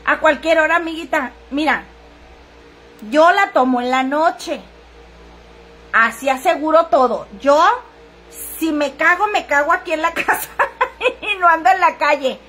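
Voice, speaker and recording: A woman's voice: high-pitched, unhurried, long pauses, a bit bright. A middle-aged woman, chatting crudely and casually while selling on a livestream and answering viewers' comments. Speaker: livestream seller.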